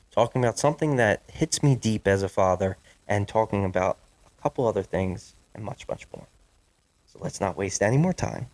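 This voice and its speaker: A man's voice: fairly low pitch, darkish tone. A man hosting his own podcast from a home basement studio, talking casually, apologizing often and restarting his sentences. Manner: chatty, apologetic, with many fillers and restarts. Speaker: podcast host. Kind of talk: casual solo podcast talk. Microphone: studio microphone.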